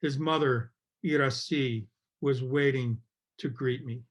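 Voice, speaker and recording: A man's voice: medium pitch, steady tone, takes it slowly. A middle-aged man gives an earnest, emotional talk as a visiting fellow, retelling a quoted plea. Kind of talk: narrated talk with translation.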